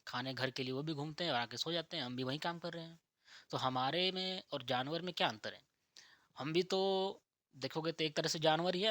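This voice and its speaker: A man with a bright, slightly raised voice talks like a teacher. He keeps posing rhetorical questions, answers them himself, and often checks in with "theek hai". The sound is dry and close to the mic. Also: on the high side, dry recording. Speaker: spiritual teacher. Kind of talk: explanatory talk on spirituality and nature.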